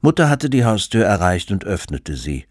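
A man's voice: fairly low pitch, big pitch swings, moderate pace, a little mellow, no room sound, clean studio sound. A man reading his humorous book aloud in an ironic, mock-solemn way.

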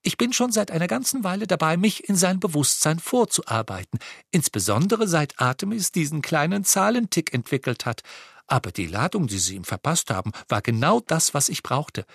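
A dreamy teenage boy speaks with courtly, flowery politeness, eager to please, in a voice raised well above a man's usual, as a male reader puts him on. The delivery is lively and swooping, recorded close and dry with no room sound at all. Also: fairly high pitch, normal speed, gravelly, husky, dry recording, voice pushed up, exaggerated voice.

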